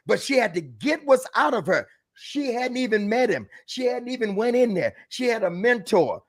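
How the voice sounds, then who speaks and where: High-voiced preaching man, animated. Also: moderate pace. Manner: animated, preachy, breaks into shouts. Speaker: bishop. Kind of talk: preaching relationship talk.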